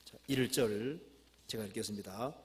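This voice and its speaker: A man preaching a sermon as a pastor, who reads scripture slowly and with emphasis, then explains it in plain talk. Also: on the low side.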